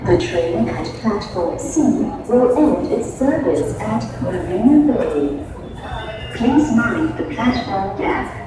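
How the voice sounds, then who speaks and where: A woman giving a recorded train station loudspeaker announcement in a slow, measured, formal way. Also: mid-range voice, big pitch swings, very noisy. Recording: echoey loudspeaker heard from far off.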